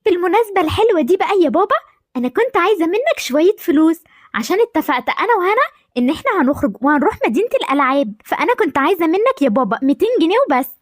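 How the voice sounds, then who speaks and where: A woman's voice: very high voice, very animated, very fast, no room sound, clean studio sound. A woman voicing an eager young daughter with an Egyptian accent, bubbly and wheedling. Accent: Egyptian Arabic.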